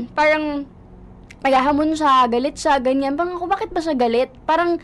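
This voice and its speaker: Young Filipino woman, slightly high voice. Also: normal speed. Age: young adult. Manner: recounts events, mixing Tagalog and English, quoting others. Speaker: guest. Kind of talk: casual radio talk show interview.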